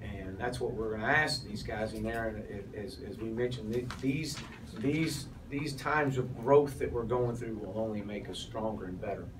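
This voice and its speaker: At a postgame press conference, a head football coach in his forties answers questions with plenty of restarts and fillers, yet his lowish voice holds a steady tone at normal speed with few pauses. He's in a press room against a sponsor backdrop, heard from off by a cluster of press mics on a table. The recording is noisy, his voice distant.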